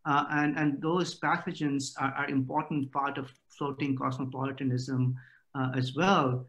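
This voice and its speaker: A man's voice: mid-range voice, little pitch movement, unhurried, a bit bright. A middle-aged man giving an academic lecture over a video call, with many "uh" fillers.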